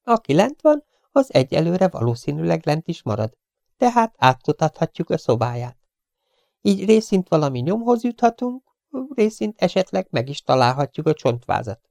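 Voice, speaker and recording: A man voicing a calm, clever male detective in an audiobook who lays out a plan step by step. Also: a little high, vocal fry, no room sound, studio quality, voice pushed up. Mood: explaining. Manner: methodical, reasoning aloud.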